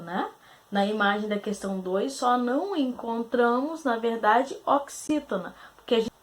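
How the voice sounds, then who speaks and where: A woman teacher from Brazil going through quiz answers, asking questions aloud, answering them herself and spelling out syllables slowly. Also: on the high side. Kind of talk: recorded grammar lesson.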